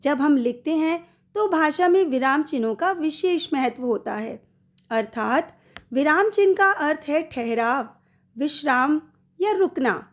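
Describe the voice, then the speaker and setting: A middle-aged woman teaching a Hindi grammar lesson to schoolchildren, speaking some examples in an animated voice. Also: high-pitched, unhurried. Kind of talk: slow recorded classroom lesson.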